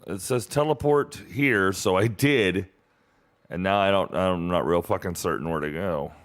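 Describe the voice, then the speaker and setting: A man's voice: deep voice, a little slow. A man streaming a game live, talking to himself and to chat, easily annoyed and swearing often. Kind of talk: live gameplay commentary.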